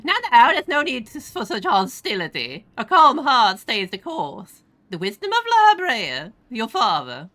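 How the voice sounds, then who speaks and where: A woman voicing a haughty, scornful father who speaks through a familiar, in a theatrical, drawn-out way. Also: fairly high pitch, huge pitch swings, bright, forceful tone, pitched above the performer's own voice, full character voice. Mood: condescending. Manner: mocking, theatrical, drawn-out lines.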